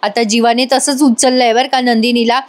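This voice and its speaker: A woman's voice: a little high, level tone, moderate pace. A woman reviewer retelling a TV serial episode in a chatty voice-over, addressing viewers directly.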